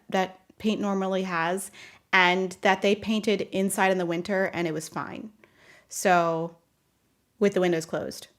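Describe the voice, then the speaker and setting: A woman chatting loosely with her viewers from her home office, talking in a rambling way and laughing often. She answers comments as they come in. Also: mid-range voice. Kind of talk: casual live chat.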